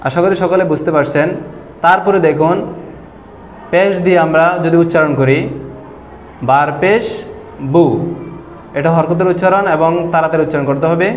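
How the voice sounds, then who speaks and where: In a room full of echo, long reverb and faint noise, a patient male Quran teacher leads a whiteboard pronunciation lesson. His pitch is fairly high, and he takes his time, stretching out each example sound as he explains.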